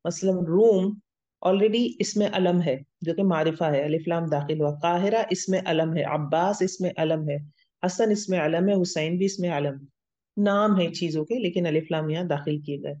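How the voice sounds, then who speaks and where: A woman's voice: lowish voice, normal speed, dark tone. A woman teaching Arabic grammar in a recorded lecture, explaining step by step and often checking that students follow. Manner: explains step by step, checks understanding with "theek hai?". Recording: dull lo-fi audio.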